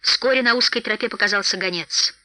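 Bright, expressive woman narrator. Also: medium pitch, fairly quick, no room sound. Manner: expressive storytelling. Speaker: audiobook narrator. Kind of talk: scripted narration.

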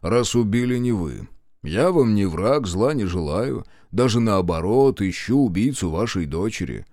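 A man's voice: on the low side, animated, measured pace, a little mellow, no echo, clean studio sound. A man playing a sly, probing detective. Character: cunning, intimidating male detective.

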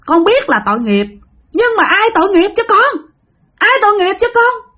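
Brief: woman playing a possessed father, Southern Vietnamese accent, a girl's spirit shrieking high and husky. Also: very animated, brisk, fairly bright tone. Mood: sobbing. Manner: shrieking, cursing, pleading. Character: possessed father, a young girl's spirit raging then sobbing.

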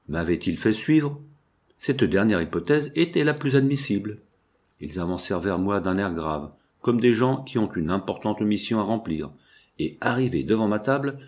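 A man reading a first-person novel aloud in a steady, measured way, lifting his tone for the quoted speech. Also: low voice. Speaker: audiobook reader. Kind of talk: scripted first-person narration.

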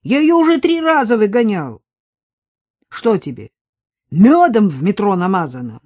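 A woman's voice: mid-range voice, big pitch swings, a little slow, no echo, pitched above the performer's own voice. Woman doing a scolding police sergeant. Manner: stern, scolding, loud. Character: gruff middle-aged male police sergeant.

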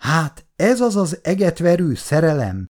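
A man's voice: a little high, very animated, a little mellow, voice pushed up. A reader voicing a lovesick young man who presses with eager questions in a storybook reading. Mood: pressing.

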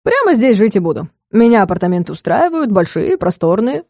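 A woman voicing a calm, sardonic male dragon in a storybook reading. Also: mid-range voice, a little fast, dry recording. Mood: mocking. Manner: dry, theatrical, stubborn.

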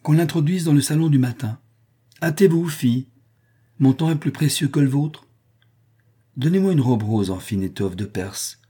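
A man's voice: fairly low pitch, big pitch swings, normal speed, few pauses, mellow, slightly rough. A man voicing a vain, bossy noble lady who gushes and gives orders in a read-aloud novel. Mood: commanding. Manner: effusive, commanding.

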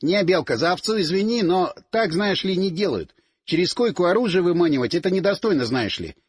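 A man's voice: high voice, expressive, a little fast, husky, no echo, clean studio sound. A man voicing an indignant young man nicknamed Rat, sputtering with outrage in an audiobook.

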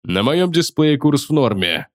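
A man voicing a gruff, seasick copilot and former navy man who wheezes out his words in a slow drawl, as an audiobook character voice. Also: on the high side, big pitch swings, dry recording, clean studio sound.

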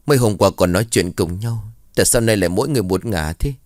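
A man's voice: lowish voice, lively intonation, a little mellow, no room sound, studio quality, close to an everyday voice. A man voicing a young man who cuts in with bitter remarks about loss. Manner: quick, interjecting.

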